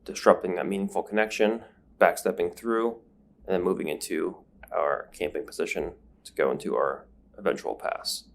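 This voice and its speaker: A man with a creaky, low voice talks at normal speed with fairly even intonation, giving an explanatory step-by-step grappling breakdown. His nose is numbed, so he sniffles through the separately recorded voice-over.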